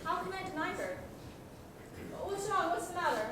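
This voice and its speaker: In a student stage comedy, a woman plays Manny, a lovestruck, guilt-ridden, melodramatic husband, telling his story through confessional narration and dialogue with theatrical flourish, anxious and defensive, stammering under accusation. Her high, expressive, fairly bright voice at normal speed is recorded far from the mic by someone in the audience at a school theater, in a very echoey, noisy hall.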